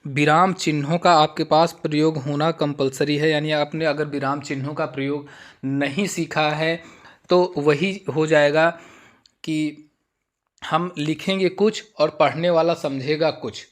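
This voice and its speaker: Male exam-prep tutor, fairly high voice, reads options slowly and explains plainly. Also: fairly even intonation. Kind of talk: Hindi exam-prep lesson with slow Sanskrit reading.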